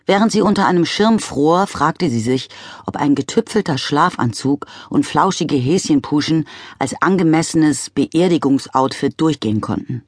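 A woman narrating an audiobook, expressive and wry, close to the mic. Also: deep voice, moderate pace, no room sound. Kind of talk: scripted narration.

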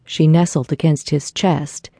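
A woman narrates an audiobook in an even, measured read, her voice low and dark. The close mic leaves the sound dry, with no room around it. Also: slightly rough, no echo.

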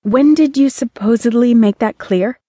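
A woman's voice: on the high side, moderate pace, mellow, dry recording, pitched above the performer's own voice, lightly acted. A woman voicing a hopeful, romantic young woman in an audiobook, speaking earnestly and pleadingly.

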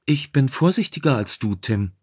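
Eager young tech guy, narrator putting him on, higher and louder than his normal voice, dry sound. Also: animated, slightly rough, no echo. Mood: easygoing. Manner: eager, quick to obey. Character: eager young male ship technician.

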